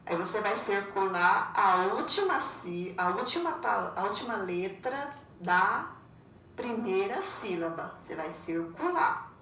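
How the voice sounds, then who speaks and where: This Brazilian woman, medium-pitched and very animated yet measured in pace, gives children a patient video lesson in a fairly bright voice with a Brazilian Portuguese accent. Every instruction gets repeated, often followed by "né?" Slight background noise, faint ambience and roomy echo come through since she's distant from the mic.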